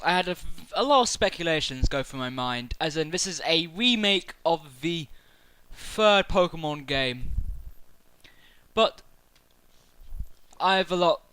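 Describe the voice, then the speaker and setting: A man talking excitedly to camera about a video game, rambling through his theories with many fillers and restarts. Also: fairly high pitch, smooth, dry recording, poor audio. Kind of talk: casual speculative chat to camera.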